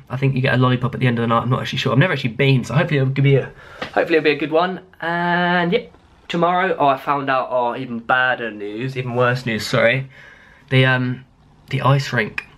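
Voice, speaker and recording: A man's voice: medium pitch, a bit bright. A young British man chatting casually to a vlog camera, his speech slightly impeded by dental retainers. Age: young adult. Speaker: vlogger. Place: small bedroom. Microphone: handheld camera at arm's length.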